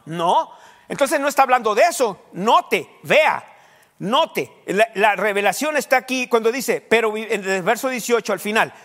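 A man's voice: high-pitched, lively intonation, moderate pace, a bit bright. A male pastor preaching a teaching sermon, quizzing his congregation and dropping English fillers. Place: church hall. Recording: echoey church hall.

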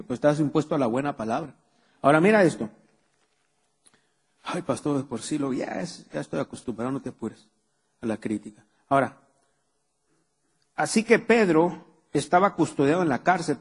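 Preaching to a congregation gathered in a church hall, a male pastor fires off rhetorical questions in a fairly high, slightly rough voice. Long hall reverb trails behind his words.

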